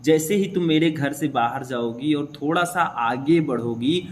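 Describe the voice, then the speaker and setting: A man's voice: a little high, a little slow, slight background noise. A young man teaching a class, explaining a poem line by line and often checking in with his listeners.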